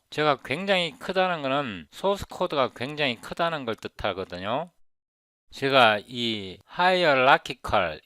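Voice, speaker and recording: A man in his fifties explaining English pronunciation in a casual tutorial, repeating words slowly to show how they sound. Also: mid-range voice, pushed and bright, no room sound. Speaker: software developer teaching English pronunciation. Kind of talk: casual screen-recorded tutorial.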